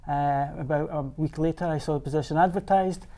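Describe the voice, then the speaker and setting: A man's voice: fairly high pitch, fairly even intonation, a little fast, mellow. A middle-aged man with a Scottish accent, answering interview questions in a hesitant way, with many fillers and restarts. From Scotland. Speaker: executive director. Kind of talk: studio interview.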